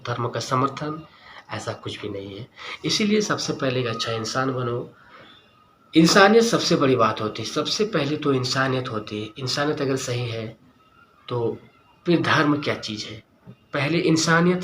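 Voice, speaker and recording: Speaking to viewers with emphasis, this man delivers a heartfelt opinion piece as a vlogger and keeps returning to the same key words and phrases. He has a medium-pitched, somewhat bright voice, and slight background noise is audible.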